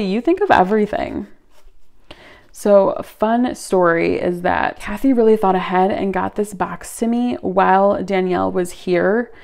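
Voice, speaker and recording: A woman hosting her own channel, chatting through an unboxing in a gushing, giggly, excitable way. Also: mid-range voice, gravelly. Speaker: channel host. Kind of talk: casual unboxing chat.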